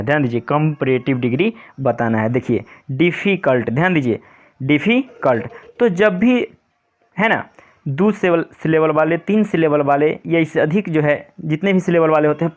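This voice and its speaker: A male teacher explaining an English grammar lesson to pupils, patient and repetitive. He reads the English example sentences slowly, word by word. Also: on the high side. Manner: repetitive, patient, keeps saying "pay attention".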